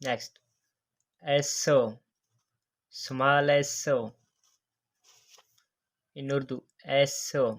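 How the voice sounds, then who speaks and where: A man teaching the alphabet, saying each letter slowly and repeating "next" and "okay" as he goes. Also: mid-range voice, completely flat delivery, a bit bright. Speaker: English teacher. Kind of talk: alphabet lesson narration.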